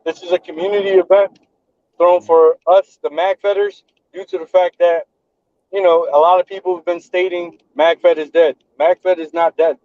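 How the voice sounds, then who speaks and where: A man in his thirties hosts a podcast over a remote call, earnest and prone to repeating himself as he builds a point. His voice sits a little high. The audio is dull and dry. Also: level tone, moderate pace, no echo. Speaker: podcast host and event organizer. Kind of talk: casual chat.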